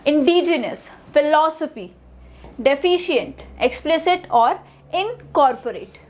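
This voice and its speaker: A woman teaching pronunciation, repeating each word slowly and explaining in Hindi. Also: high-pitched. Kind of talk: online language lesson.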